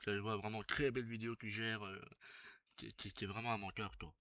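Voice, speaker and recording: A young man, chatting casually on a live stream as he reacts, swearing and breaking into loud laughs. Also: lowish voice, flat delivery, fairly quick, no room sound, dull audio. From Belgium.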